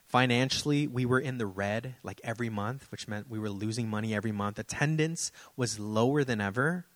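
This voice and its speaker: A male pastor preaching a sermon in a relaxed, conversational way, mixing scripture with personal stories. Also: mid-range voice, a little fast, no room sound.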